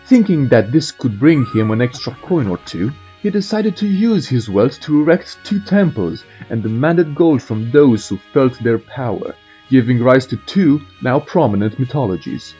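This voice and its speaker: A man narrates video game lore with a very lively, swinging intonation and irreverent asides. His voice is mellow and somewhat muffled, with faint music behind it. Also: mid-range voice, moderate pace, breathy edge. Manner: irreverent, storytelling. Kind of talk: scripted narration with joking asides.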